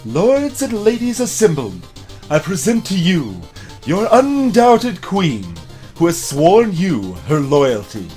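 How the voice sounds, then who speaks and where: A solemn, ceremonial priestess from a video game, acted out by a man. The voice is raised and swings grandly through stately, drawn-out proclamations. Faint music plays underneath. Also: high voice, huge pitch swings, darkish tone, voice pushed up, full character voice.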